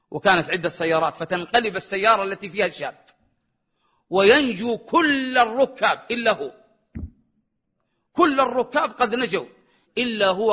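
A man's voice: sharp tone, slightly rough. A man preaching a religious sermon with passion, chanting scripture verses in a melodic voice. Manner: impassioned, rising pitch on questions, chants verses.

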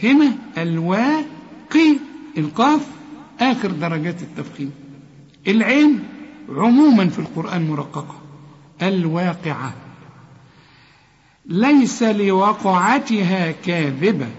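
A man with an Egyptian accent teaching tajweed, slowly repeating sounds, correcting pronunciation and chanting verses. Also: high voice, very animated, slight background noise. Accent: Egyptian Arabic. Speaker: Quran recitation teacher. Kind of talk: tajweed lesson with recited examples. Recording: long reverb, dull lo-fi sound.

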